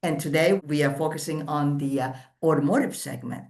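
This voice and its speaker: A woman hosting an interview, introducing her guest in a chatty, lively way. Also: low-pitched, a little fast, echoey room. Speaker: host, editor-in-chief.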